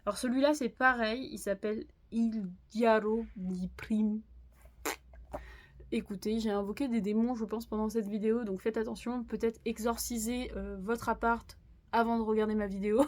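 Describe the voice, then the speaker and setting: A woman's voice: a little high, fairly even intonation, fairly quick. A woman chatting casually to her viewers as she shows off a haul of new books, with lots of fillers and little laughs. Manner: chatty, frequent "euh" fillers, laughs at own jokes. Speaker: manga haul vlogger. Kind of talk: casual unboxing chat to viewers.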